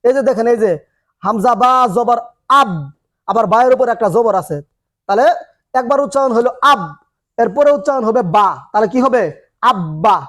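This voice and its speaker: A male teacher runs a classroom lesson, his voice pitched very high. He drills each rule over and over, putting a question to the class and then answering it himself. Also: moderate pace, pauses often, a bit bright. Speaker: Quran reading teacher. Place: classroom with a board and students.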